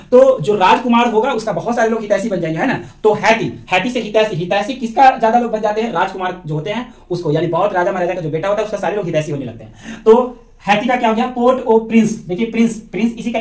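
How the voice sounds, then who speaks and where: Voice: medium pitch, a little mellow, reverberant. A teacher explaining memory tricks for exam preparation, asking and answering his own questions and telling little stories. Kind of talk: mnemonic lesson for exam prep.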